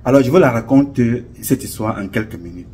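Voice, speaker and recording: This male online commentator speaks at medium pitch, fairly quickly, in an expressive, slightly mellow voice with a Cameroonian French accent. His casual commentary is an impassioned, preachy monologue that rambles and repeats itself, over slight background noise.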